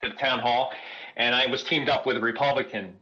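Through a muffled headset call line, a caller to a talk show comes across as if his voice passes through a modulator. Medium-pitched and sharp-toned, he talks a little fast with fairly even intonation, halting and laughing softly between words.

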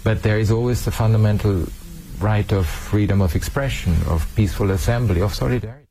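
Earnest male official, low gravelly voice, halting restarts, faint background noise. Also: mellow, poor audio. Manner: earnest, with frequent hesitations and repeated words. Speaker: human rights official. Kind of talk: interview answers.

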